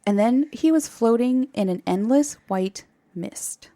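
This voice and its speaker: Brief: woman podcast host, animated storyteller, dry close mic. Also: a little high, a little slow, no echo. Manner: animated, laughs often, acts out quotes. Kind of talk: casual storytelling chat.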